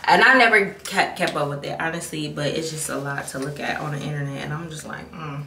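Talking to the camera in her home bathroom, a woman in her twenties who makes beauty videos rambles candidly and keeps restarting her sentences. She speaks fairly quickly in a low, bright, forceful voice with fairly even intonation. The recording is echoey, with background noise, captured by a camera mic at a distance.

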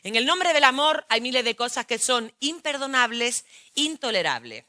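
A woman's voice: a little high, big pitch swings, moderate pace, bright, forceful tone. A woman with a Spain Spanish accent performing a theatrical monologue, telling her story frankly and crudely, straight to the audience.

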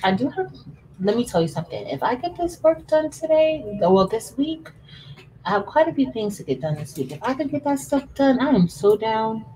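Working at her craft table indoors, a woman in her thirties livestreams and chats with her audience, addressing them as "y'all" and laughing frequently. Her somewhat high voice has big pitch swings and a dark tone, and she keeps a moderate pace. The recording is rough, with slight background noise.

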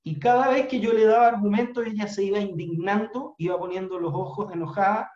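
A middle-aged man with a Chilean accent, a business trainer telling a motivational story in an earnest, unhurried way with frequent fillers, on a video call from a room at home. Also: sits high, steady tone, a little mellow. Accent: Chilean Spanish. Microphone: webcam on video call. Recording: roomy, dull webcam audio.

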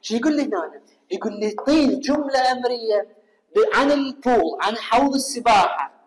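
A man with an Iraqi Arabic accent teaching an English lesson. He asks his students questions and answers them himself, and reads the English example sentences slowly and carefully. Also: very high voice, lively intonation. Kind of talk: recorded classroom lesson. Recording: echoey room with long reverb.

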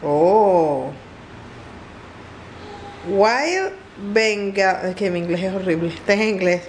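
A woman's voice: mid-range voice, lively intonation, slow pace, a little hiss or hum. A woman with a Venezuelan accent, vlogging casually at home in a chatty, playful, exclamatory way. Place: home, indoors.

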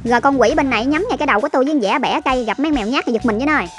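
Woman, vlog voice-over, very fast, teasing, slightly high, music underneath. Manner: chatty, teasing, rapid storytelling. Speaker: vlog narrator. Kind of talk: voice-over narration. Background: background music.

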